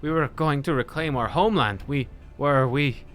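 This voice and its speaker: A man's voice: on the high side, normal speed, a bit bright, soft background music, natural voice. A man voicing a distraught young freedom fighter, earnest and faltering, in a fantasy game. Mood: distraught, remorseful.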